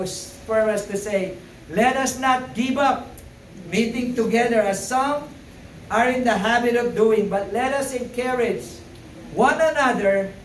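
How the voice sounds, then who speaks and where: A high-pitched male voice delivers a sermon in an echoey sanctuary, far from the mic with a little hiss or hum. Filler-heavy hesitation gives way to emphatic, repeated phrases.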